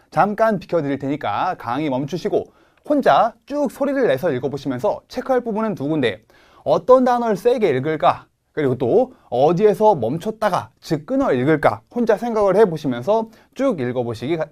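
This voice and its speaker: A man's voice: a little high, a little mellow. A man in his thirties with a Korean accent, giving an online TOEIC Speaking lecture and modeling English words for viewers to repeat.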